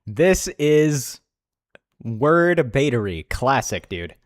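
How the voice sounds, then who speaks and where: A man's voice: medium pitch, drawn-out words, dry recording. Young man, streamer, live reaction commentary, incredulous, laughs a lot, bouncy voice, dry sound. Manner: animated, incredulous, laughs often.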